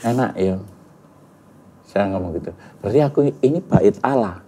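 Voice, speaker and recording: A middle-aged man recounts his story as an interview guest. His voice sits on the low side and he tells it earnestly, peppering his speech with words. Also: moderate pace, dark tone, a little hiss or hum. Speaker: guest giving a testimony. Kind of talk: emotional personal testimony interview.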